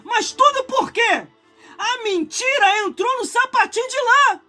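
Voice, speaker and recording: Fervent, high-voiced Brazilian preacher in his forties. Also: a little slow, soft background music. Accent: Brazilian Portuguese. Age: 40s. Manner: impassioned preaching that swells into shouts, broken by chatty asides to viewers. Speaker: pastor. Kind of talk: live-streamed sermon.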